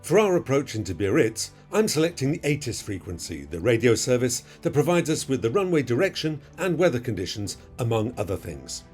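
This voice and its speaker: Lively male narrator with varied intonation. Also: medium pitch, brisk, few pauses, faint music behind. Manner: instructive, quizzing the viewer. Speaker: flight video narrator. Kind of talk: scripted explanatory voice-over.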